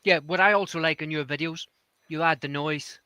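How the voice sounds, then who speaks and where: High, bright Irish man chatting. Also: steady tone, fairly quick, clear, resonant tone, dry recording. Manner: chatty, laughs often, repeats himself. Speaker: co-host. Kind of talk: casual chat.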